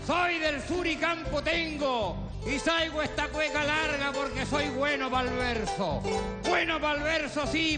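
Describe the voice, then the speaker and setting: A man doing a fibbing old Chilean country man. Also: very high-pitched. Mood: reciting verses. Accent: rural Chilean. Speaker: comic performer. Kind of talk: live stage comedy sketch.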